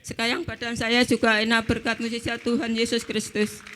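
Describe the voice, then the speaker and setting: A woman's voice: a little high, flat delivery, moderate pace, a bit bright, slight background noise. A woman giving an emotional, plain-spoken testimony at a church service.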